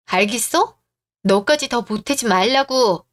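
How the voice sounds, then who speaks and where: A woman's voice: fairly high pitch, lively intonation, a little slow. A woman voicing an exasperated young husband who defends his mother in a radio drama.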